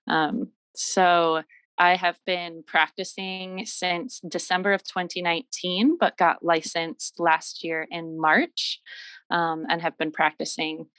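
A woman's voice: fairly low pitch, a bit bright, no echo, low-quality recording. A woman who works as a massage therapist, a podcast guest speaking earnestly and reflectively with frequent ums. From Michigan. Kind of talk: casual interview talk.

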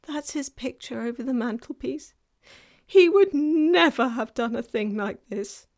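A woman plays a gentle male fawn in a children's story, racked with guilt and fear. The voice is high and very slow, full of anguished self-reproach and melodrama. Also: expressive. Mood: ashamed, wailing. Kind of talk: dramatized children's storybook reading.

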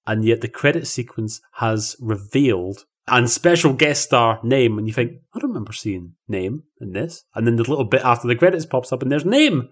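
A man's voice: medium pitch, animated, normal speed, hardly any pauses, husky. A man co-hosting a film podcast, explaining plot points in a chatty, easygoing way. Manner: chatty, explanatory, laughs easily. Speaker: podcast co-host. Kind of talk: casual film review chat.

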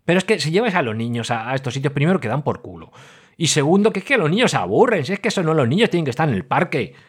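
A man's voice: fairly high pitch, racing, slightly rough. Exasperated man ranting. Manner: exasperated, animated, swings from loud outbursts to muttered asides. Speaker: podcast host. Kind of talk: casual ranting monologue.

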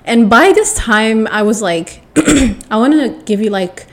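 A young woman tells a personal story to the camera in a casual storytime monologue, dramatic and animated. She rambles, corrects herself mid-sentence and keeps restarting her thoughts. She clears her throat often as she goes. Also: a little high, measured pace. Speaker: vlogger telling a personal story.

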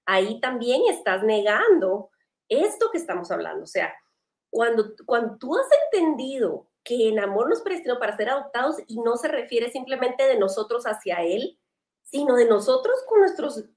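A woman's voice: on the high side, echoey room. Earnest woman hosting a faith panel. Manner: earnest, animated, conversational. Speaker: host.

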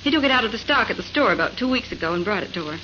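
Plucky bright-voiced detective's girl assistant. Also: medium pitch, lively intonation, rapid-fire. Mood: curious. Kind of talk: mid-century American radio drama acting. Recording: muffled, noisy vintage radio recording.

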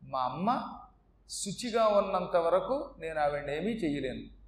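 A scheming male god who turns humble and imploring, begging at a mother's feet, as a storyteller puts him on. The voice sits high, and the words ring in an echoey room. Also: lively intonation, a little slow, far from the mic. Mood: plotting.

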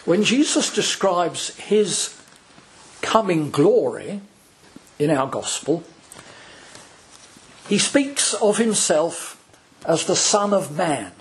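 A male priest preaching a sermon, slow and deliberate, with dramatic pauses between phrases. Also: high voice, very animated.

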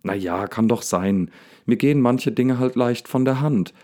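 A man's voice: mid-range voice, unhurried, mellow, voice pushed up, lightly acted. A man voicing Daniel, furious and near hysterical. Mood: indignant. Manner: angry, indignant outbursts. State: slightly hysterical. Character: agitated young man Daniel thrown to a lion.

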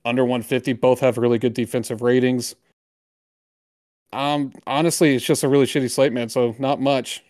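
A man talks through his betting picks on a podcast in a loose, casual way, swearing freely and letting his voice sink on throwaway remarks. His voice is mid-pitched and dry, recorded close with almost no room sound. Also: fairly even intonation, normal speed, darkish tone, no room sound. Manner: loose, profane, drops voice on asides. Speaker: podcast co-host. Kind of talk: casual sports betting talk.

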